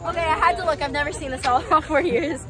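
A woman's voice: high voice, quick pace, music in the background, a crowd in the background. A young woman vlogging a school tour on her phone, casual and jokey. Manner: jokey, laughing asides. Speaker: graduating senior on a school tour. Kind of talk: casual vlog chat. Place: school campus, partly outdoors.

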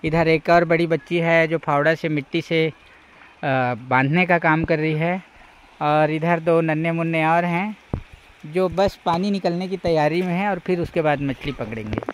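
Beside a forest stream, a young man vlogs in a fairly high voice at a moderate pace, with slight background noise. His narration is explanatory, guiding the viewer step by step through what he points out.

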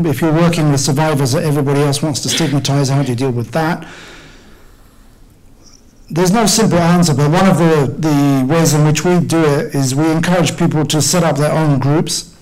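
Middle-aged male panelist, a touch high-pitched, careful and halting, speaking into a table mic. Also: darkish tone, low-quality recording. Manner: measured, restarts phrases, clears throat often. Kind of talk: panel discussion answer. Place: conference hall. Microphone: table microphone.

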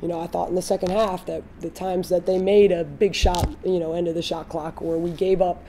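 A woman in her thirties, a head coach giving a candid postgame interview, speaking in a measured way with frequent fillers. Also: lowish voice, flat delivery, dark tone, slight background noise. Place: studio backdrop, indoors.

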